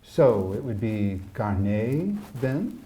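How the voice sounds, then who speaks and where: A man's voice: on the low side, animated, takes it slowly, mellow, a little hiss or hum. A man voicing a confident, teasing upper-class girl of about twenty, talking with breezy eagerness.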